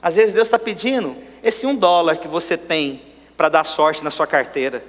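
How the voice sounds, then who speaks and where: A male pastor preaching a sermon, swinging between loud exclamations and hushed asides. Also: a little high, normal speed. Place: church sanctuary. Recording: long church-hall reverb.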